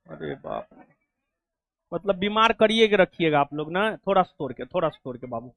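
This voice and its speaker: A man's voice: a little high, lively intonation, moderate pace, vocal fry, no room sound, narrow, tinny audio. A male coaching teacher with a Bihari Hindi accent, chatting casually and fussing affectionately as he honors students. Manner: affectionate, joking, fussy.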